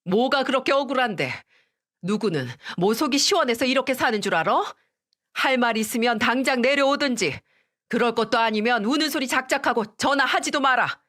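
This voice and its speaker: A woman's voice: on the high side, expressive, a little fast, fairly bright tone, voice pushed up. A woman voicing a stern elderly mother-in-law who scolds sharply. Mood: angry.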